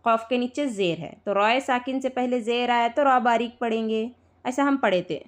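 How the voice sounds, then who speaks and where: A woman teaching Quran recitation rules to students, patiently repeating points, spelling out letters slowly and checking often that they follow. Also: a little high. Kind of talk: live tajweed lesson to students.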